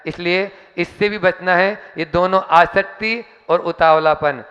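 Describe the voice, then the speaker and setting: A man's voice: high-pitched, fairly even intonation, a little slow, fairly bright tone. A man telling a moral tale in a religious talk, then introducing the main preacher. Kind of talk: religious storytelling. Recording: dull sound with long hall reverb.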